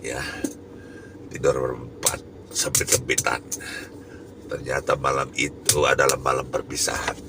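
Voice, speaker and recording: A man's voice: extremely low pitch, little pitch movement, unhurried, pauses often, very noisy. A man preaching a sermon as an evangelist, telling a personal story emphatically with bursts of raised voice. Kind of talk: sermon testimony.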